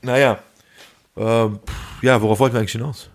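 In a mid-range voice with fairly even intonation, a young man talks a little fast while co-hosting a podcast. He keeps the banter slangy and relaxed, telling stories with energy and voicing each character's lines.

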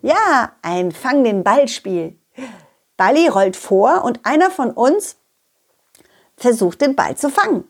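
Playful high-voiced woman telling a children's story. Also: big pitch swings, slow, long pauses. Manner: playful and coaxing.

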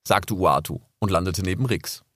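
A man narrating an animal story audiobook with expressive, lively storytelling. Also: deep voice, normal speed, no echo, studio quality.

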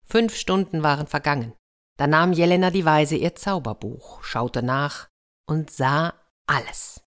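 A woman telling a fairy tale aloud in a lively way, with chatty asides to the listeners. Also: sits low, measured pace. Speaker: storyteller.

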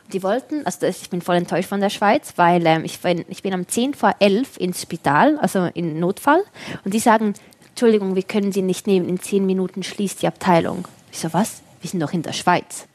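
Young woman chatting, telling a story all animated, voices people in quick bits. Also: medium pitch. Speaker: storyteller in a conversation. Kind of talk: casual chat.

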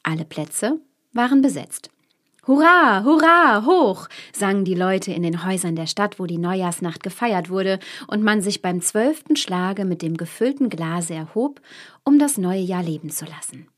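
Storybook narrator, woman, fairly low voice, expressive delivery. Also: moderate pace. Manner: expressive, questioning asides. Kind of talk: storybook reading.

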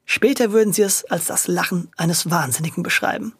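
A narrator reading a lively children's audio story. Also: medium pitch, fairly quick, breathy edge, no room sound, studio quality.

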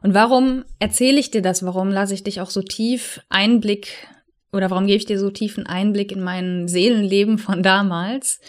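A woman who sounds to be in her thirties addresses the listener as a coach in a personal, reflective monologue. Her voice is soft and earnest at a medium pitch, with a steady tone, and she slows down to emphasize key words.

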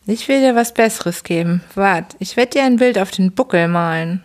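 A woman voicing a gruff, bullying middle-aged father who scolds his son in a bedtime audiobook reading. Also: mid-range voice, a little slow, close to an everyday voice. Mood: threatening. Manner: bullying, scolding, barking questions. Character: gruff shouting drunken old father, middle-aged man.

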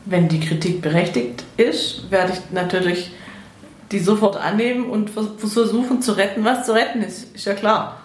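A woman on a podcast speaking in a measured, matter-of-fact way. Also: mid-range voice, fairly even intonation, a little hiss or hum. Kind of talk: conversational podcast talk, reading a scenario. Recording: echoey room.

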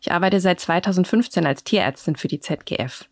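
A woman's voice: on the low side, animated, a little fast, no room sound. A woman reading a scripted voice-over translation of an interviewee's answers.

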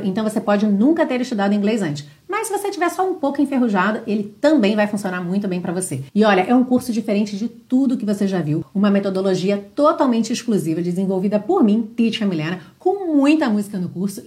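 A Brazilian woman teaching English online, pitching her course and drilling pronunciation slowly. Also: expressive, a little mellow. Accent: Brazilian Portuguese.

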